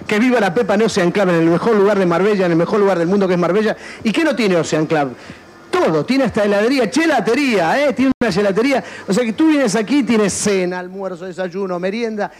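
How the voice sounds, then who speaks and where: High-voiced joking TV host. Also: male voice, fast talker. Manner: joking, teasing banter with mock outrage. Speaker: comic TV host. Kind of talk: comic street interviews. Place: indoor studio and shops. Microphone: handheld microphone.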